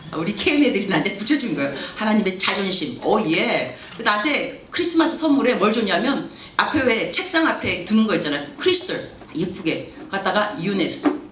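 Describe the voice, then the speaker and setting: A woman pastor preaches with a lively voice that swings widely in pitch. She tells stories and acts out her own thoughts and quoted voices, and the mic sits some distance away in an echoey room. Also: a little hiss or hum. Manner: animated storytelling, acting out her own inner talk and quoted voices. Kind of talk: sermon at a staff worship service. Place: worship room.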